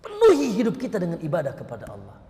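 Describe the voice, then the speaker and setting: Man preaching, high-pitched, animated, questioning the crowd, reverberant hall. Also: very fast. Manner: lively, teasing the audience with questions. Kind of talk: sermon.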